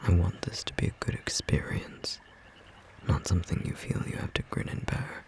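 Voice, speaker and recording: In an intimate ASMR romance roleplay, a performer voices a tender, devoted clerk at a magical bookstore, lightly acted. The delivery is a gentle, slightly rough, breathy whisper with long pauses, and the mood is gentle and reassuring.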